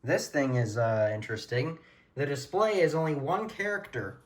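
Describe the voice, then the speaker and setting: Speaking at a moderate pace with big swings in pitch, a man with a mid-range voice presents his collection of weather radios. The setting is his own room, and his hobbyist manner is earnest yet informal.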